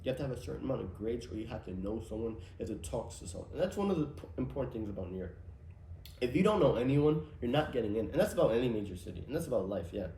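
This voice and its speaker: A man's voice: medium pitch, animated, racing, creaky, mellow, slight background noise. A young man hosting a solo podcast, rambling casually with profanity and conspiratorial asides. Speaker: podcast host. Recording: roomy echo, faint ambience.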